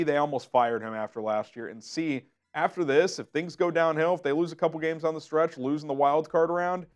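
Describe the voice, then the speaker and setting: A man hosting a sports show, giving opinionated commentary in an emphatic, exasperated way. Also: on the high side.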